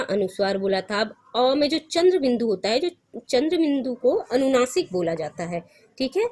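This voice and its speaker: A young woman teacher gives a recorded lesson for children. Her voice sits a little high, and she speaks patiently, repeating each point and asking the class questions as she goes. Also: darkish tone. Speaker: school teacher.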